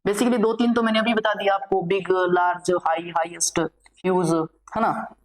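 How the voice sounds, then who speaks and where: A woman's voice: mid-range voice, flat delivery, moderate pace, poor audio. A woman teacher giving a vocabulary lesson for exam students, explaining English words in Hindi and repeating each word while she dictates lists.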